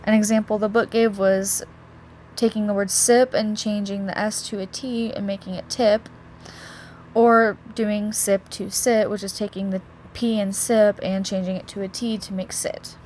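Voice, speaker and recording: A woman's voice: medium pitch, flat delivery, normal speed, a little mellow, slight background noise. Casual young woman presenting for class. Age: young adult. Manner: casual, with many likes and restarts. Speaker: student presenter.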